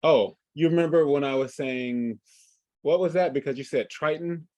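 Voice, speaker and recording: A man running a livestreamed tabletop game as game master, halting and full of fillers and restarts. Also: on the high side, mellow, no room sound.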